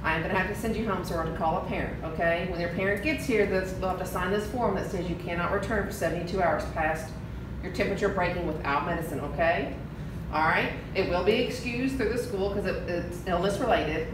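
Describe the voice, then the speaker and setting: A woman on staff speaks in a brisk, matter-of-fact way to students. She is picked up from across a hallway by a distant camera. The hall gives her voice a very strong echo, and clear background noise sits behind her. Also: fairly low pitch. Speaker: school staff checking temperatures. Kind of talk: casual instructions to students. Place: school hallway, indoors. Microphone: far camera.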